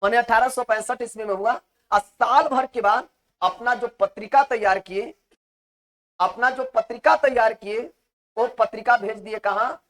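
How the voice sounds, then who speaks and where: A woman's voice: fairly high pitch, normal speed. Woman teaching biology. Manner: rhetorical questions answered herself; repetitive, emphatic explaining. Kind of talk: classroom lecture.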